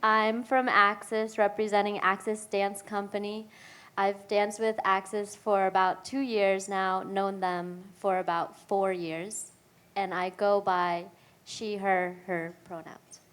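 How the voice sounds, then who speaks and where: A woman dancer from China introducing herself on a panel, nervous and halting. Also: medium pitch, level tone, a bit bright.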